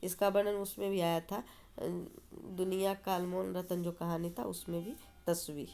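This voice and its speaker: A woman's voice: fairly low pitch, little pitch movement, moderate pace, dark tone, soft background music. A woman teacher reading a story aloud and explaining it, asking and answering her own questions. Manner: explanatory, asks and answers herself.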